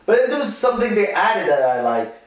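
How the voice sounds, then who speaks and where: Guy rambling about a musical, lots of "like", slightly high voice, sounds far off in a roomy echo. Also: sing-song, brisk. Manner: rambling, many fillers and restarts. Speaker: co-host discussing a musical and its film. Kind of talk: casual chat. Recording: echoey room, distant from the mic.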